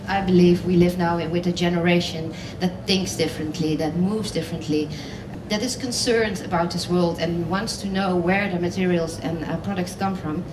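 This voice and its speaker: A woman speaks on a panel in a large hall, her fairly low voice carrying with a roomy echo. She talks earnestly and pauses with fillers, picked up from a distance with audible background noise. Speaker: panellist designer. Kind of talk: panel talk on stage. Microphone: headset.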